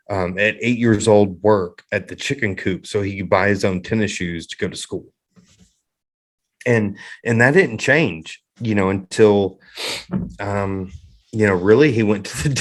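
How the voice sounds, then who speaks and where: Male interview guest, middle-aged, lowish pitch, halting candid delivery, grief-stricken and fighting tears. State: choked up, fighting back tears. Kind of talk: candid personal interview storytelling.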